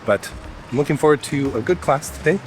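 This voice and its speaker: Walking through city streets, a young Chicago-area vlogger talks in a chatty, relaxed way, his voice nasal and congested from a cold. His pitch is fairly high and his pace brisk, and the rough recording carries slight background noise with music playing underneath.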